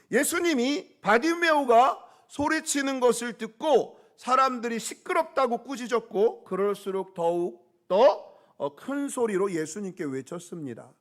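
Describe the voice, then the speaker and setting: A male pastor preaching a sermon, calling out questions to the congregation and pressing his points with emphasis. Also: sits high.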